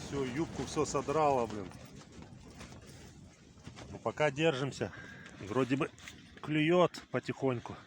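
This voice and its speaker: A man's voice: mid-range voice, slow, long pauses. A man casually narrating a fishing vlog out in strong wind, with gusts hitting the microphone. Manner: speaking outdoors or in a tent in strong wind. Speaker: fishing vlogger. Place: frozen lake, out in wind and in a flapping tent. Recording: loud wind buffeting the mic.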